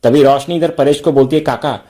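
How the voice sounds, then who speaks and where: A man tells the events of a TV serial episode in a steady, scripted recap. His voice is mellow and darkish, with a middle pitch. He keeps an even storytelling manner as he reads the characters' lines. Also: brisk. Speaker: TV serial review narrator.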